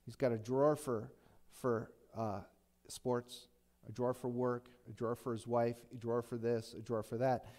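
A man's voice: medium pitch, little pitch movement, normal speed, dark tone. Male pastor, middle-aged, mid-range voice. Chatty, folksy sermon delivery with plenty of restarts. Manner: conversational and folksy, with frequent restarts.

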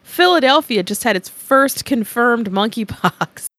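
A woman's voice: on the high side, animated, measured pace, fairly bright tone, no echo, studio quality. A congested woman hosting a podcast, chatting casually, swearing and laughing often. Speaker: podcast host. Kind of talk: casual chat.

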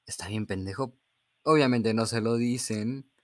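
A man's voice: mid-range voice, unhurried, background noise. A young Mexican man hosting a podcast. He playfully cuts in with jokes aimed at his listeners. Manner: playful, interrupts to joke to listeners. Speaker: podcast host. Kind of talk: casual podcast chat.

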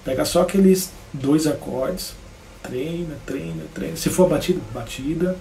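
Chatty guitar teacher, echoey room. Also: male voice, a little high, measured pace, creaky, warm tone. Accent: Brazilian Portuguese. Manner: casual, chatty, greets viewers by name. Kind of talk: live-streamed guitar lesson.

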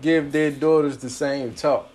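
A man's voice: on the high side, fairly even intonation, unhurried, a crowd in the background. A man hosting a casual podcast chat, asking blunt questions and laughing often. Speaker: podcast host.

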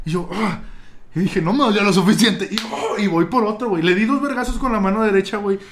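A young man with a Mexican Spanish accent recounts a story to his friends, swearing freely and acting out the scenes. His voice sits a little high for a man, and he keeps a loose, chatty delivery throughout. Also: quick pace, slight background noise. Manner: vulgar slang-heavy, animated retelling with laughs. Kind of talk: casual storytelling among friends.

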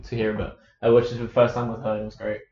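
A man's voice: lowish voice, monotone, very fast, dark tone. A man co-hosting a podcast in casual chat, laid-back, with short reactions and frequent laughter. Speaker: podcast co-host. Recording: echoey, dull lo-fi room.

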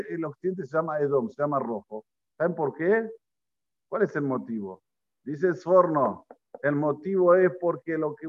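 Man, Rioplatense accent, rabbi teaching a Torah lesson, slightly high voice, animated, asks questions, dull lo-fi recording. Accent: Rioplatense Spanish. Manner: animated, asks the class questions and acts out quotes. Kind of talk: lively Torah lesson to a group.

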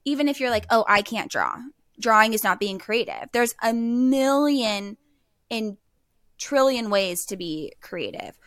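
Young woman podcast guest, bright tense voice, dry close sound, chatty "like"-filled delivery. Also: fairly high pitch, lively intonation, a little slow, dry recording. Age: young adult. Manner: chatty, peppered with "like". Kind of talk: casual podcast storytelling.

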